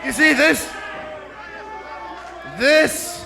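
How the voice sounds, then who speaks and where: A man's voice: very high-pitched, steady tone, extremely slow, creaky. A man cutting a wrestling promo on a handheld microphone, taunting the audience. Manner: taunting, shouting at the crowd. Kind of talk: in-ring promo. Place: wrestling arena, in the ring. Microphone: handheld arena microphone. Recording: distant arena mic with crowd. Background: crowd.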